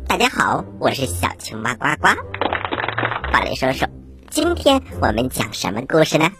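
A woman voicing a curious little frog with a croaky voice on a children's story show, over loud music. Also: very deep voice, huge pitch swings, normal speed, heavily acted. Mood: curious, chirpy.

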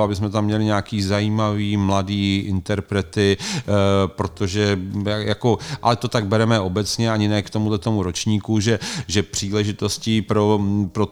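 A man's voice: fairly low pitch, clean tone. A man who organizes a festival, answering interview questions in a casual, hesitant way with many fillers and restarts.

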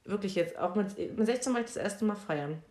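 A young woman in casual chat, telling stories in a direct, lively way. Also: mid-range voice, fairly quick. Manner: direct, animated storyteller. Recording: roomy echo.

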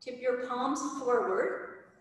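Echoey, higher-voiced woman giving clipped yoga cues. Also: slow. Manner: directive, short clipped imperative cues. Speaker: hot yoga class instructor. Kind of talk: yoga class instruction. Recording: very echoey hall, distant mic, background noise.

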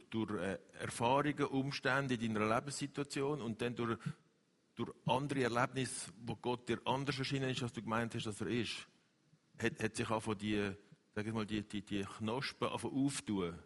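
A man leads a faith interview, probing his guest and rephrasing each question several times before landing on it. His pitch sits in the ordinary middle range. The recording carries a long hall reverb. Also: fairly even intonation, normal speed, a bit bright.

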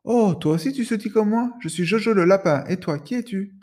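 A man's voice: high voice, a little fast, darkish tone, pitched above the performer's own voice. A man voicing a friendly, bouncy rabbit who talks cheerfully and eagerly.

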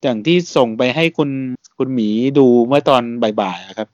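A man hosting a casual podcast, talking in a relaxed, chatty way and laughing often. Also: mid-range voice, a little fast, dry recording, lo-fi sound. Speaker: podcast host.

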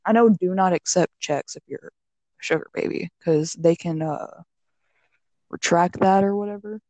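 A woman's voice: fairly low pitch, moderate pace, mellow, dry recording. A young woman from Texas telling anecdotes in casual chat, slangy and blunt, acting out what people said. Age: young adult. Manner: slangy, blunt, swears freely, quotes people animatedly.

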